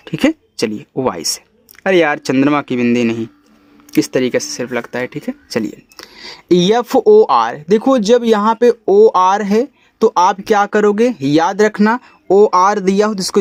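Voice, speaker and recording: High-voiced man teaching phonics, dry and close. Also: no echo. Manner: spells out letters slowly, then drops low to say the word; coaxing, checks in with "ठीक है?". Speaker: English teacher. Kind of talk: step-by-step phonics lesson.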